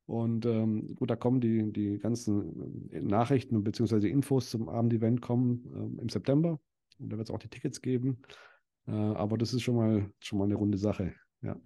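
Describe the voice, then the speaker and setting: A young adult man speaking as a podcast guest. His voice sits low and sounds warm and relaxed. He talks loosely, hesitating often and restarting his sentences. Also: normal speed, vocal fry. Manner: hesitant, many fillers and restarts. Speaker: podcast guest, dental practice owner and event organizer. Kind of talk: casual interview chat.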